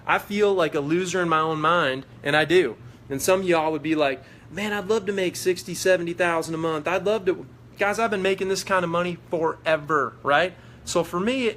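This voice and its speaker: A man's voice: on the high side, fairly bright tone, a little hiss or hum. A man giving a fired-up motivational talk on a live video stream, preachy and repetitive as he urges his team on. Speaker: network marketing leader.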